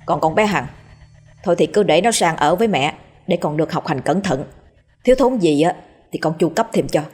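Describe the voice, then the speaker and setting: A woman's voice: lowish voice, expressive, a little fast, darkish tone, breathy edge, soft background music. A woman voicing a practical, dutiful adult son in a ghost story, speaking earnestly.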